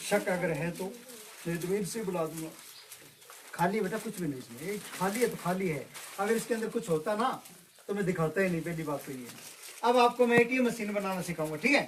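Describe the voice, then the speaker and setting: A man's voice: high voice, a little fast. A man working as a kids party magician, playfully teasing children and asking them questions as he patters through a live show. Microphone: far from the mouth. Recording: distant mic, noisy with clicks and birds.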